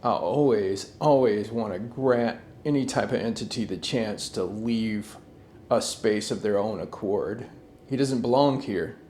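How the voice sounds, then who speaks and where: A man investigating the paranormal, speaking to a spirit in a firm, measured way. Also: lowish voice, mellow, echoey room, slight background noise. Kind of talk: calm address to a spirit.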